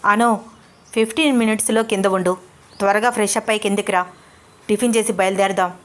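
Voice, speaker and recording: A woman voicing a brisk, commanding young man. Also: medium pitch, steady tone, lightly acted. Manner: firm, commanding.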